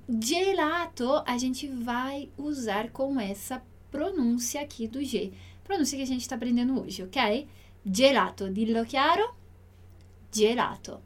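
A woman with a Brazilian Portuguese accent teaches Italian online, speaking clearly and patiently and slowly repeating words so they can be pronounced. Her voice sits high.

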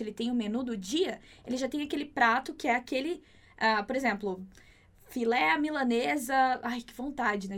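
High-voiced Brazilian woman teaching Spanish. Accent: Brazilian Portuguese. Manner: lively, chatty, asks learners questions. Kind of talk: online language lesson.

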